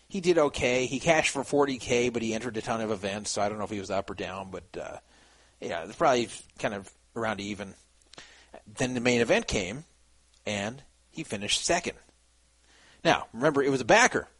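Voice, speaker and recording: A man's voice: mid-range voice, rough recording. A man hosting a casual podcast chat, rambling with many restarts and fillers. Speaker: podcast host.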